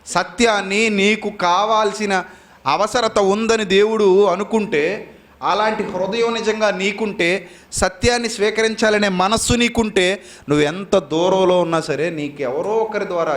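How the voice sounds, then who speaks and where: Male preacher, higher-pitched voice, bible class sermon, rhetorical questions, emphatic then hushed. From South India. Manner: rhetorical questions and long repeated lists; swings between raised emphatic and low quiet delivery.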